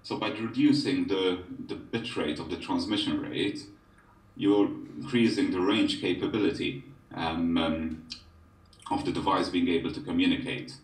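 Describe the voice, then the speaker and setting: Man on a remote call, low voice, internet call audio, echoey and distant over room speakers, halting with lots of ums. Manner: halting, many ums and restarts. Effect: voice coming over an internet call, garbled at times. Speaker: remote presenter at a tech meetup. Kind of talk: technical presentation. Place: remote, at home.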